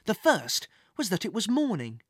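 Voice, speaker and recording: A woman narrating a children's adventure story in an expressive storybook reading style. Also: medium pitch, moderate pace, husky, dry recording, clean studio sound. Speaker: audiobook narrator.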